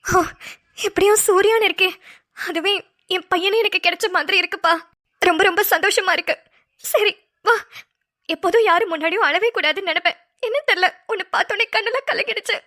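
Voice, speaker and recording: A woman voicing a kind, tender-hearted middle-aged mother in a homemade cartoon. She speaks gently and motherly, pleading softly. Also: extremely high pitch, brisk. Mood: tearful.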